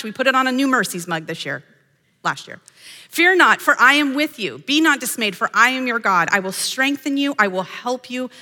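Her voice is high, pushed and bright, echoing in a large hall. As host of a devotional podcast and a Bible teacher, she teaches women from scripture with earnest emphasis, voicing imagined speakers and reading scripture aloud.

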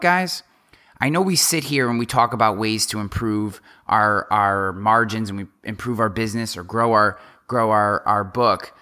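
Bright, emphatic male podcast host. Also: mid-range voice. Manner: energetic, emphatic, repeats words and restarts. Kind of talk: casual podcast interview.

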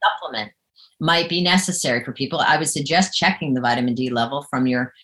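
A woman's voice: extremely low pitch, fast talker, a bit bright. A middle-aged woman physician, talking animatedly in an interview and repeating words as she gets going. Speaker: physician guest. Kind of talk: conversational interview.

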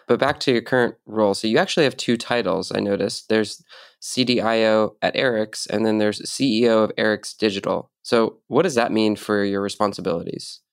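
A man's voice: fairly low pitch, fairly quick. A man hosting a podcast interview, asking friendly, curious questions. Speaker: podcast host.

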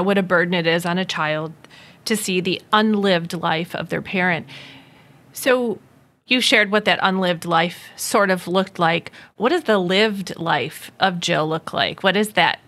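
A woman's voice: lowish voice, a bit bright. A woman in her forties hosting a conversational interview, upbeat and candid, laughing often as she talks. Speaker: podcast host.

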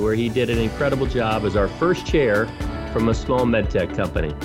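A man hosting a podcast, reading a polished introduction and then asking interview questions in an upbeat way. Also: mid-range voice. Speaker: podcast host.

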